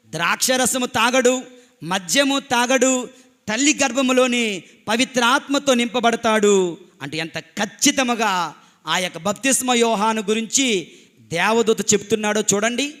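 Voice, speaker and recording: Priest, male, very high and bright voice, emphatic preacher who repeats lines and asks the congregation questions in church. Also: measured pace. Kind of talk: Christmas Mass homily. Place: church during Mass.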